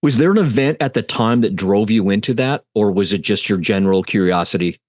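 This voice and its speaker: A man co-hosting a podcast with a low, steady voice and an upbeat, welcoming delivery. His voice sounds close and dry, with no room behind it. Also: brisk, no room sound. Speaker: podcast co-host. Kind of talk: podcast interview.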